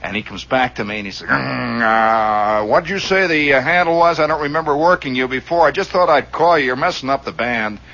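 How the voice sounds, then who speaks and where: A man's voice: medium pitch, brisk, few pauses, pushed and bright, dull audio, pitched above the performer's own voice. A man doing a curt veteran radio ham. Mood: brusque. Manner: brusque, condescending, dismissive. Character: gruff famous male radio ham, curt.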